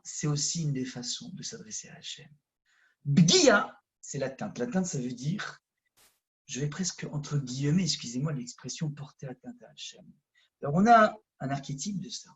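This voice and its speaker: A rabbi from France with a Parisian accent, giving a conversational lesson that swings from loud emphasis to hushed asides. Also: male voice, fairly high pitch. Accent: Parisian French. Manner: addresses listeners directly, conversational. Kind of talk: lively Torah lesson.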